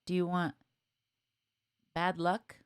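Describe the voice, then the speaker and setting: A woman's voice: lowish voice, monotone, takes it slowly, smooth, no room sound, clean studio sound. A woman musician chatting casually with viewers on a live stream, thinking aloud, laughing often and joking at her own expense.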